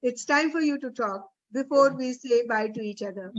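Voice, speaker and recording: A high-voiced Indian woman, a guest trainer leading an online teacher workshop, gives trainees an informal motivational closing talk over a video session. She speaks at normal speed, encouraging and emphatic, repeating phrases. The call audio is dull and lo-fi.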